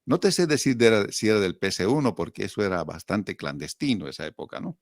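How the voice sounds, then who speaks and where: A middle-aged Bolivian man with a fairly low voice reminisces in a casual way. He tells it as a storyteller, quoting people and putting questions to himself. The sound is close and dry. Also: fast, no echo. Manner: animated storyteller, acting out quotes and asking himself rhetorical questions. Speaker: interview guest.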